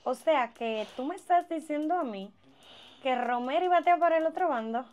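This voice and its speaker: A woman's voice: fairly high pitch, brisk, darkish tone, close to an everyday voice. A woman playing an inquisitive female friend who teases and presses with questions. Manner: inquisitive, teasing. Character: nosy, teasing female friend.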